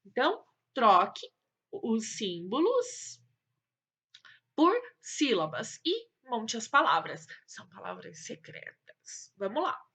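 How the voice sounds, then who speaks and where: Brazilian woman, primary school teacher, slow patient delivery, bright voice, lively pitch, coaxing and encouraging. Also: slightly rough. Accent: Brazilian Portuguese. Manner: slow, patient, coaxing, praises and uses diminutives. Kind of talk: recorded remote lesson for young children.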